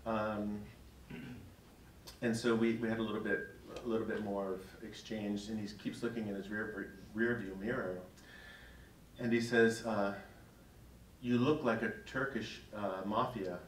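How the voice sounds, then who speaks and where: A man's voice: lowish voice, steady tone, measured pace, long pauses, a little hiss or hum. A middle-aged man, a priest, telling a story to his parish in a conversational, chuckling way. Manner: conversational, chuckling as he tells stories. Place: church hall in front of an audience. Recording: echoey hall, distant mic.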